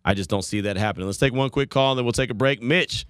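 A man's voice: medium pitch, quick pace, a bit bright, smooth, dry recording, studio quality. A man hosting a sports talk radio show, chatting casually, repeating himself and laughing easily. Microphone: studio microphone.

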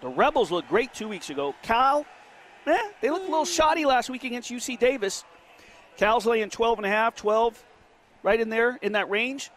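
A man hosting a sports betting radio show, giving emphatic, rapid-fire opinions from a casino sportsbook studio. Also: very high voice, expressive, fairly bright tone.

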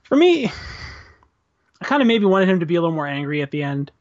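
A man's voice: on the high side, expressive, very fast. A man in casual chat, giving his opinions and thinking aloud with restarts. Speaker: podcast co-host discussing a film and comic. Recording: dull lo-fi sound.

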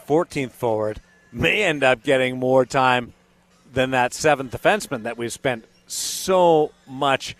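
A man's voice: medium pitch, a little slow, a bit bright, no echo. A man hosting a radio show, talking casually and analytically about sport.

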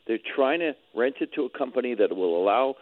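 A man calling in over the phone as a radio guest, explaining things in a measured way with halting restarts. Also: mid-range voice, expressive. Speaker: real estate board president, radio guest. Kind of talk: call-in radio interview. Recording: tinny phone line.

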